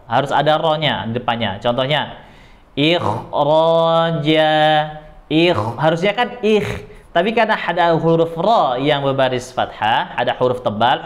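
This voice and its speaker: A man teaching how to pronounce Arabic letters, drawing out and repeating syllables before explaining them in short, patient phrases. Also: medium pitch. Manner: patient, repetitive instruction. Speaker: Quran recitation teacher. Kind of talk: lesson on Arabic letter pronunciation.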